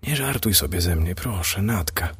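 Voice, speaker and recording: A worn-out husband in his fifties answers quietly and sheepishly, as a man reading the story does his voice. The tone is very low and breathy, with a husky grain. It belongs to a storybook reading. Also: expressive, normal speed, heavily acted. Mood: weary. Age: 50s. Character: worn-out fifty-one-year-old husband, sheepish.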